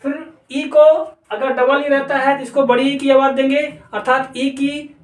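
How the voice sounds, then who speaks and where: A man with a high voice gives a spoken language lesson. He talks slowly and carefully, spelling out letters and saying words again and again. The room echoes and he sits some way from the microphone. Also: flat delivery. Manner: slow, deliberate, spells out letters and repeats words. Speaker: English teacher. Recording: roomy echo, voice distant from the mic.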